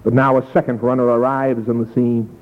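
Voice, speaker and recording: Man, preacher, evangelistic sermon, dramatic storytelling, loud to hushed, long hall echo. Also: medium pitch, little pitch movement, fairly quick. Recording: tinny lo-fi echoey hall.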